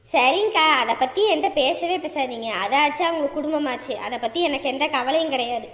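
A woman's voice: sits high, fairly quick, pitched below the performer's own voice, lightly acted. Woman doing a bitter weepy middle-aged mother. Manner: tearful, bitter, dramatic complaining. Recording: echoey room with long reverb.

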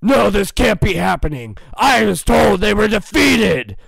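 An actor in an animated fan dub playing a huge, lovesick, bossy turtle-monster king in a theatrical, blustering way. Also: mid-range voice, unhurried, vocal fry, heavy background noise, heavily acted. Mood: furious.

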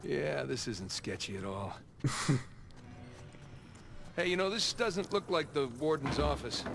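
An actor playing a wisecracking adventurer who is being held as a prisoner in a video game, talking in a dry, sarcastic way. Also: male voice, on the high side, lively intonation, measured pace, gravelly, over music. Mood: wry.

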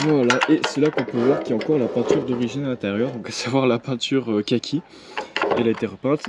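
Male collector, relaxed vlog delivery, stop-start phrasing, noisy take with clicks. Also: medium pitch. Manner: hesitant, many fillers and restarts. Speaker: militaria collector. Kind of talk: casual show-and-tell vlog. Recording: clear background noise with clicks.

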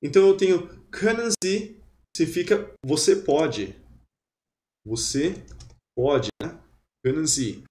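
A man leads a webinar lesson in a lively, chatty way, repeating words to drill them. His voice sits a touch high. The sound is roomy and echoey. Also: takes it slowly, pauses often. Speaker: German teacher. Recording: roomy echo.

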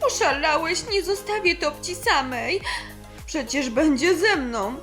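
A worried mother, fretful and impatient, as a woman puts her on, her high voice leaping around as she frets. Faint background music plays under her. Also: lively intonation, measured pace, fairly bright tone. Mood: anxious. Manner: anxious, fretful.

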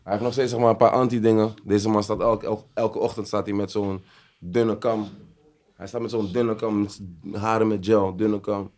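A man hosting a podcast, telling stories in a casual, animated way full of street slang. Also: on the low side, moderate pace. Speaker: podcast host. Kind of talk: casual chat.

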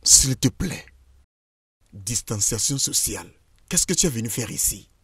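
A man's voice: medium pitch, animated, unhurried, a bit bright, slightly rough, no echo, studio quality, exaggerated voice. A man dubbing a stern husband who firmly turns his ex-wife away, in a French-dubbed film. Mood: dismissive. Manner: firm, dismissive.

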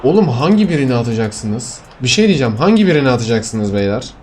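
Young male gaming streamer, lively voice, grumbles and vents at viewers, faint music behind. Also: medium pitch, quick pace. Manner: frustrated, talks to viewers, swings from mutters to outbursts. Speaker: gaming YouTuber. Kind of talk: casual live game commentary.

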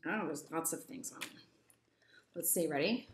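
A woman's voice: low-pitched, moderate pace. A young woman chatting through a toy unboxing, giddy and rambling with lots of little asides. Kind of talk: casual unboxing chat. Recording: echoey room.

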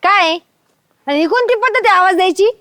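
A sharp-tongued village woman. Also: lively intonation, no room sound, full character voice. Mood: retorting. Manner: shrill, quick, retorting.

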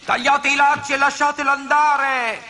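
A man voicing a cocky boy who puts on a commanding pirate voice with shrill shouts. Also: animated, normal speed, a little hiss or hum, full character voice. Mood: bossy.

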